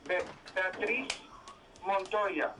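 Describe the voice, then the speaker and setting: A man's voice: sits high, drawn-out words. A man answering a phone call and talking casually. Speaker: person receiving a prank call. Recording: distant, noisy phone line.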